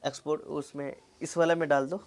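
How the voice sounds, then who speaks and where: A man's voice: fairly high pitch, little pitch movement, fairly quick. A man teaching a classroom math lesson as a tutor, constantly prompting his pupils with questions and calling them by affectionate terms. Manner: coaxing call-and-response questioning.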